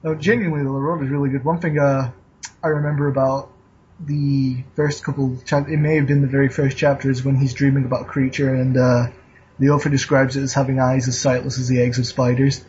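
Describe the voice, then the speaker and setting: A man's voice: mid-range voice, little pitch movement, fairly quick, darkish tone, slightly rough, highs cut off. A man co-hosting a podcast, chatting casually with dry, sarcastic quips and trailing off mid-sentence. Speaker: podcast co-host. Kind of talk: casual chat with dry jokes.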